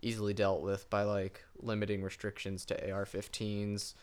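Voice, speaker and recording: Flat-voiced man listing points. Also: lowish voice, moderate pace, clear, resonant tone. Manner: methodical, lists points. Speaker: student panelist. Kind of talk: casual discussion.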